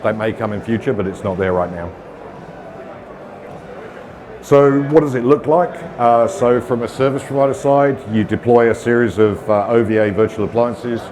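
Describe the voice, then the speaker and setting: A middle-aged British man gives a casual, self-deprecating technical talk at a conference, peppered with ums and uhs. His voice is mid-range and darkish, and he speaks a little fast with hardly any pauses. He's addressing an audience in a conference room.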